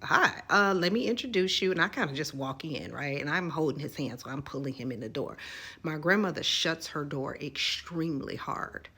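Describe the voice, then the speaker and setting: A woman telling a personal story in a casual storytime video, animated and conversational, with asides to her viewers. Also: deep voice, moderate pace, husky.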